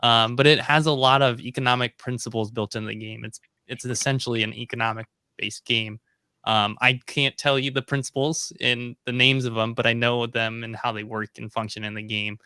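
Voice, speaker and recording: Male host on a video call, bright clear voice, dry sound, easygoing and rambling. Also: medium pitch, fairly even intonation, moderate pace, no echo. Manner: rambling, many ums and restarts. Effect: video call audio. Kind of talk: casual live-stream chat.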